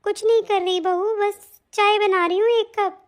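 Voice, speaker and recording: A woman's voice: very high-pitched, fairly even intonation, moderate pace. A woman playing a self-pitying older mother-in-law and grandmother who complains and moralizes in a plaintive way. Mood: placating. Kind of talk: hobby family-drama acting.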